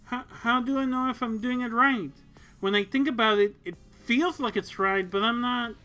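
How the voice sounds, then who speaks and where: A woman's voice: a little high, moderate pace, pushed and bright, soft background music, voice pushed up. A reader voicing a timid young woman rookie pilot who speaks meekly and stammers, in an audiobook story. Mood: nervous. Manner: meek, hesitant, stammering.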